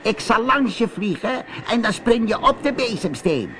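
A man voicing a wicked female sea witch in a shrill, screeching, threatening voice. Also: very animated, moderate pace, background noise. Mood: commanding.

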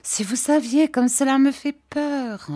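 Woman putting on a timid pampered girlish woman, pleading, high and pouty, mellow tone. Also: sing-song, slow, heavily acted. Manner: pleading, pouting, high and breathy.

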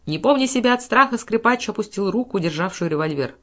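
Woman, audiobook narrator, measured storytelling, mid-pitched voice. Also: animated. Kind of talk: scripted narration of a classic novel.

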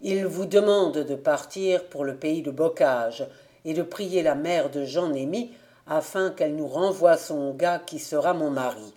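A woman reading the part of an elderly peasant father, speaking slowly and gravely. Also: low voice, warm tone, pitched below the performer's own voice. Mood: solemn.

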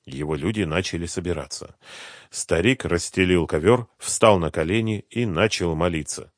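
A man narrating an audiobook in a steady, even reading. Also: low-pitched, moderate pace, no echo, studio quality. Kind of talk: scripted narration.

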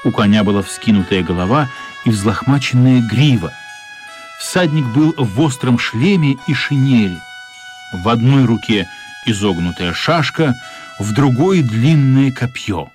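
A man with a husky voice narrates a children's story as scripted radio drama, phrasing things expressively and dramatically without hurrying. His voice is mid-range, with faint music playing behind him.

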